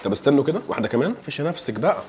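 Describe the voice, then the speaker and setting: A man's voice: mid-range voice, sing-song, very fast, darkish tone. A young man with an Egyptian Arabic accent, reviewing dishes in a casual food vlog, joking and enthusiastic as he tastes. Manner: playful, joking, enthusiastic tasting remarks.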